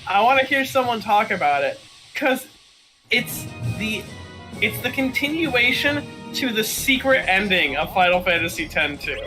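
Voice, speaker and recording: A man's voice: high-pitched, sing-song, measured pace, over music, rough recording. A man chatting casually over a video game in a hesitant, rambling way.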